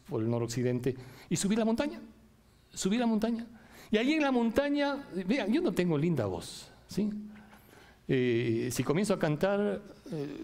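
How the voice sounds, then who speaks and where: A middle-aged male pastor preaching a sermon, often checking in with his listeners and rising into emphatic, lively passages. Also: fairly high pitch. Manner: rhetorical, frequent "¿sí?" checks with the congregation.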